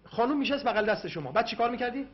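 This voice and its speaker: A man's voice: very high voice, expressive, slightly rough, dull audio. A male police officer bluntly questioning suspects and explaining the case. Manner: blunt, probing. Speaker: police interrogator.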